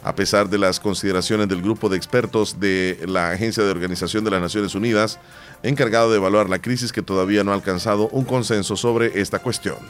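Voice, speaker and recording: A Salvadoran man with a low voice hosts a morning radio show. He reads the news and chats in a relaxed, conversational way, over a faint music bed. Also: a little fast. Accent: Salvadoran Spanish. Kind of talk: reading news and casual chat.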